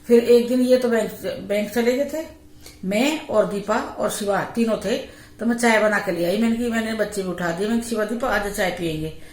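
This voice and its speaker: A woman's voice: on the high side, moderate pace. A middle-aged woman vlogger casually telling a true haunted story from her family's life, acting out what each person said. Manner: animated, acts out quoted family voices. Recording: echoey home room.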